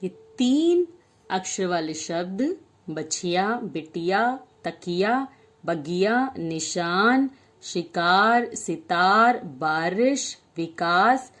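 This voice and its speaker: Slow, careful woman teacher. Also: fairly low pitch, fairly bright tone. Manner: slow, drawn-out word-by-word dictation. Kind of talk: children's Hindi lesson.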